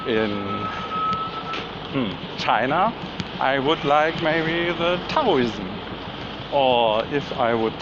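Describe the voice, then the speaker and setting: A man whose first language is German, musing aloud in a slow, meandering way with many fillers and restarts, recorded outdoors in a city by water. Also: medium pitch. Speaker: vlogger. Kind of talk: rambling spoken musing. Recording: loud outdoor noise, dull sound.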